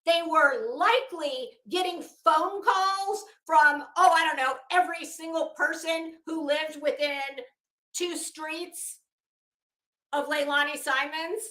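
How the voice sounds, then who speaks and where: Her voice sits high and sounds sharp, and she takes her time. She's a livestream host giving casual, sarcastic commentary on a legal case to her viewers, theatrical, exasperated and mocking, recorded in an echoey room.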